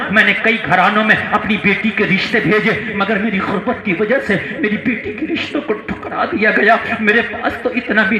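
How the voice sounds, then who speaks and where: High bright-voiced preacher, echoey hall. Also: male voice. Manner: dramatic, rising to shouts, coaxing the crowd to respond. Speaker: Islamic preacher. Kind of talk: Urdu sermon with storytelling. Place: conference stage before a crowd.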